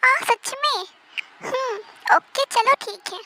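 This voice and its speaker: A woman's voice: very high-pitched, slow pace, pushed and bright, slight background noise, exaggerated voice. A woman voicing a caring young man who soothes his partner in an amateur fan dub. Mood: soothing. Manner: soothing, coaxing.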